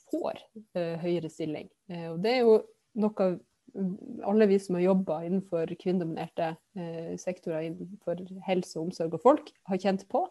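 A woman politician answering questions in a casual interview over a video call, pausing often with filler sounds. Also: on the low side, warm tone, no room sound, studio quality. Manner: hesitant, many filler sounds. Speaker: politician, podcast guest.

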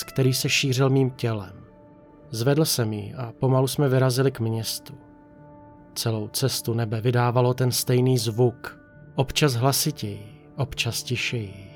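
Calm man narrating a horror story. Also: mid-range voice. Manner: calm, measured first-person telling. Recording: narration over faint music.

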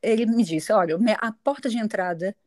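A middle-aged Brazilian woman with a Brazilian Portuguese accent, a guest telling her story in a casual interview, chatty and quick to laugh. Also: medium pitch, darkish tone. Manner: chatty, laughs often, restarts sentences.

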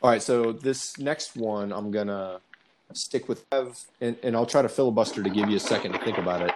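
A man's voice: on the low side, moderate pace, slight background noise, rough recording. A man in his forties hosting a casual interview, chatty and rambling with asides as he asks questions. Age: 40s. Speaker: podcast host.

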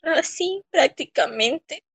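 Woman interviewee, high-pitched and unhurried, speaking in shaken, broken phrases. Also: lively intonation, vocal fry. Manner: halting, shaken, pausing often. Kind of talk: emotional personal testimony.

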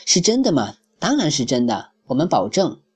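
A man's voice: fairly high pitch, huge pitch swings, normal speed, slightly rough, exaggerated voice. A man doing a clever, confident young rabbit. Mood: reassuring.

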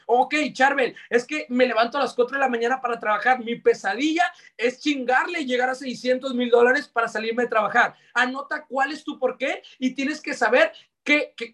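A high-pitched man with a Mexican accent gives a blunt, slangy motivational talk and hammers his points through repetition. His voice sounds distant from the mic, as if recorded from across the room. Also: a bit bright. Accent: Mexican Spanish. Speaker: network marketing motivational speaker.

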